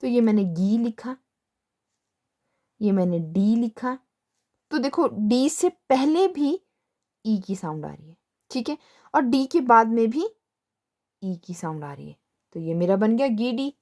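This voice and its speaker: A fairly high, dark-toned female voice comes across as animated yet unhurried, pausing often. This young woman teaches shorthand step by step, patiently answering her own questions and repeating "ठीक है".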